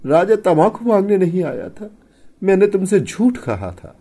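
A man voicing a frightened, guilty young village wife in a high, trembling falsetto. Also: expressive, moderate pace, mellow, slightly rough. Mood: sobbing.

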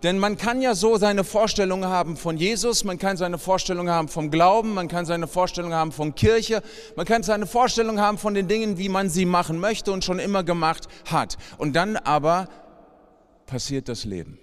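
A man's voice: sits high, fairly quick, clear, resonant tone. Male preacher, casual direct address, reverberant venue sound. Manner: direct address to audience, conversational. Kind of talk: sermon with Bible reading. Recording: long hall reverb.

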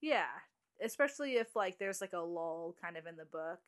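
A woman's voice: fairly low pitch, lively intonation, clean tone. A woman in her late twenties, a guest on a podcast, chatting casually and restarting her sentences often. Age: 20s. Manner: chatty, halting with restarts and little laughs. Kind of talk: casual chat.

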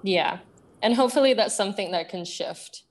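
A young UK woman who grew up in Asia appears as a guest in a conversational interview, her British accent tinged with Singaporean English. At medium pitch, she thinks things through aloud with many pauses and restarts.

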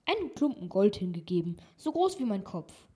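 A woman's voice: medium pitch, very animated, moderate pace, a little mellow, slightly rough. Woman reading Hans, a naive cheerful lad. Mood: eager. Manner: simple-hearted, easily pleased.

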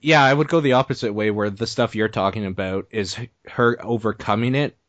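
Deep-voiced man, muffled podcast host. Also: a little fast, no room sound. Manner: relaxed, rambling, hedging. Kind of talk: casual podcast chat.

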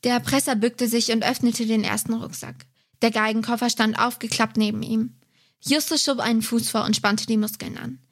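A woman with a slightly high voice reads an excerpt of a detective novel aloud, keeping a steady, measured pace.

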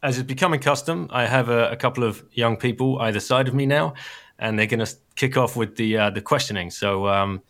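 A man hosting his podcast, talking casually with frequent pauses and restarts. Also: mid-range voice, fairly bright tone. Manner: halting, many fillers and restarts. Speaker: podcast host.

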